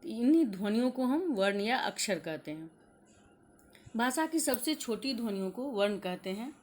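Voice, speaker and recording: A woman teacher giving a grammar lesson to young pupils, speaking slowly and deliberately and sounding out letters one at a time. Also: on the high side, a little mellow. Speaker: school teacher.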